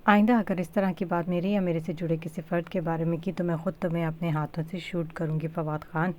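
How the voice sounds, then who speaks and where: A betrayed young wife from a storybook reading, her lines pushed and anguished, as a woman narrator acts her. The voice sits low for a woman and stays close to the reader's own. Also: fairly even intonation, a little fast, darkish tone, lightly acted. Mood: cold threat. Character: heartbroken young wife, shouting and bitter.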